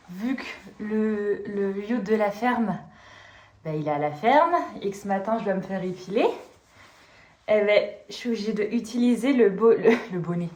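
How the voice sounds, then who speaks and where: In a casual travel vlog shot around streets and a station, a young French woman chats to her phone camera, rambling through stories and swearing casually. Her voice is medium-pitched and a little mellow, and the background is noisy with traffic.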